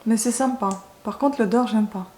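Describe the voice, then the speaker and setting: A woman's voice: fairly high pitch, moderate pace, dark tone. A woman in chatting casually as she does her makeup, often hesitating and correcting herself. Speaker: beauty vlogger. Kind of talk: casual makeup chat to camera. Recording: roomy echo, faint background noise.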